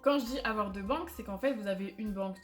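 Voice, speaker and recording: A woman's voice: medium pitch, quick pace. Chatty French-speaking woman vlogger. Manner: chatty, candid, self-mocking, many fillers. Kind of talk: casual chat to camera. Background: faint background music.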